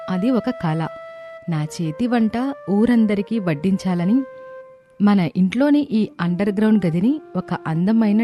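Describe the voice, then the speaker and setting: A woman voicing an older mother-in-law whose diary words come out slow and heartfelt in an animated family story. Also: mid-range voice, lightly acted.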